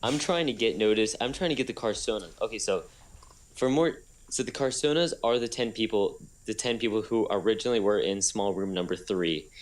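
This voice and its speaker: Young man, rambling casual storyteller, lowish voice, lots of restarts. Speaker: podcast co-host. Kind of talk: casual chat.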